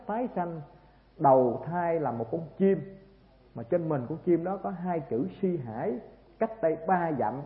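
A man with a Southern Vietnamese accent preaching a Buddhist sermon, telling a story and often asking the listeners rhetorical questions. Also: a little high. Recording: tinny, echoey hall recording.

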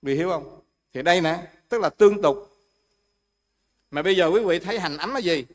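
A man's voice: high-pitched, animated, brisk. A man giving a Buddhist dharma talk, explaining with everyday examples and asking the audience questions. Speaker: Buddhist monk teacher.

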